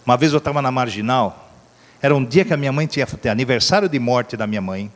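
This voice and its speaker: A middle-aged Brazilian pastor with a medium-pitched voice talks fast while preaching a sermon, acting out a story with voices and sound effects. He is in a church hall, and the recording carries its reverb.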